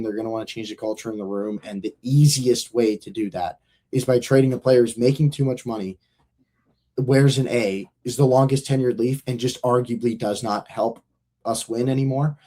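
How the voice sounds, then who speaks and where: A man's voice: mid-range voice, mellow. A young man hosting a podcast, chatting casually in a rambling, slangy and profane way. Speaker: podcast host. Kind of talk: casual chat.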